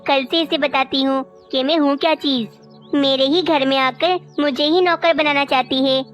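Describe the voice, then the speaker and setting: Lady doing a bratty crow wife, snappy and mean, high voice, cartoon. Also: steady tone, moderate pace, soft background music, close to an everyday voice. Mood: scornful. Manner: sharp-tongued, scornful. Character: spoiled, scheming young wife crow. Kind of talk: cartoon voice acting.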